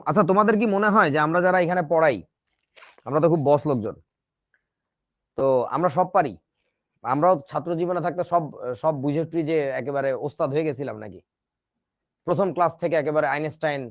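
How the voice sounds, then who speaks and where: On a muffled, echo-free recording, a man with a voice on the high side teaches chemistry online. His lecture is casual and chatty, full of joking remarks aimed at the students.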